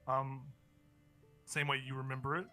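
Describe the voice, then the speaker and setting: A man's voice: medium pitch, level tone, normal speed, pushed and bright, soft background music. A man working as game master, casually narrating a tabletop role-playing session.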